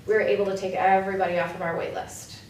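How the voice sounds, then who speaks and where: A woman presenting an immersion program report at a board meeting, talking fast and eagerly with plenty of fillers. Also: medium pitch, little pitch movement, a little hiss or hum. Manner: enthusiastic, fast, filler-heavy. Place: meeting room. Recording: echoey room, mic far off.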